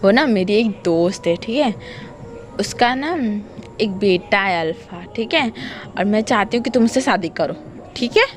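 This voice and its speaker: A woman's voice: mid-range voice, animated, measured pace, soft background music, close to an everyday voice. A woman doing a bossy, stubborn mother. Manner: bossy, emphatic. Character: strict, stubborn mother forcing her son's marriage.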